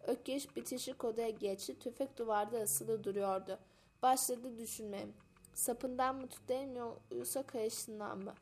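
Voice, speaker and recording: A woman narrating a humorous village tale aloud, in a voice pitched a little high. She reads at an easy storytelling pace and moves lightly between narration and dialogue. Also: fairly even intonation, normal speed, a little mellow.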